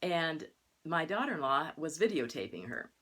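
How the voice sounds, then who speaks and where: Low-voiced older woman minister telling stories. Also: moderate pace. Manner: chatty storytelling, lively quoted voices. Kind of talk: sermon.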